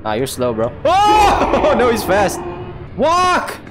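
A man's voice: medium pitch, sing-song, brisk, heavy background noise. A man streaming a game live, chatting and mocking himself, with sudden screams and laughs. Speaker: gaming streamer. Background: game music.

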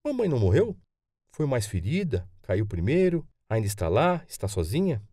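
A man's voice: mid-range voice, wildly swooping pitch, normal speed, warm tone, no room sound, studio quality, pitched above the performer's own voice. A man voicing a young boy who asks questions eagerly in an audiobook. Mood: worried. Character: young boy, frightened then trusting. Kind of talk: audiobook character voice.

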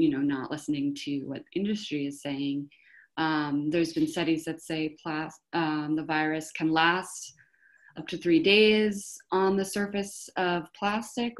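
A woman with a low voice speaks slowly and deliberately, laying out her points for an audience. She explains things patiently and often pauses in the middle of a phrase. She is heard over a video call. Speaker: panelist for an environmental group. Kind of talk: informative panel Q&A answer.

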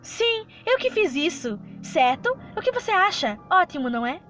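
A woman voicing a sweet but menacing obsessive young girlfriend from a visual novel, in a slow, high, sugary voice. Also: very animated, fairly bright tone, faint music behind, exaggerated voice. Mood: sweetly sinister. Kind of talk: reading game dialogue aloud.

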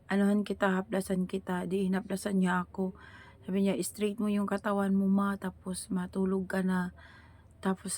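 A woman's voice: medium pitch, dark tone. Middle-aged woman vlogger, rambling casually. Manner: rambling, conversational, calls the viewers "guys". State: weak and tired after being ill. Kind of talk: casual storytelling to viewers.

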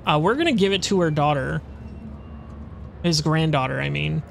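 A man's voice: fairly high pitch, expressive, normal speed, creaky, slight background noise. A man reading game dialogue aloud and commenting in a casual, sweary, reactive way as a let's play streamer. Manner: informal, reactive.

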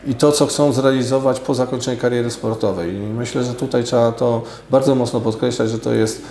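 A man in his forties, a sports official answering radio interview questions in a measured, hesitant way with many fillers, in an office studio on a lapel mic. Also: mid-range voice, steady tone, dark tone. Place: office studio with glass table. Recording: roomy echo.

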